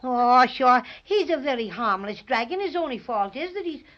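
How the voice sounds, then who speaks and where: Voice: sits high, expressive, normal speed. A performer voicing a cheerful, boastful little stuffed bear in an old radio drama. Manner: chirpy and boastful. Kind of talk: 1930s radio drama acting. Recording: dull old radio recording.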